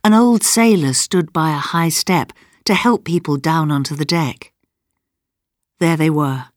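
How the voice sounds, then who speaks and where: Slow, low-voiced woman narrator. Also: no echo, studio quality. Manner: measured, plain storytelling. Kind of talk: scripted storybook narration.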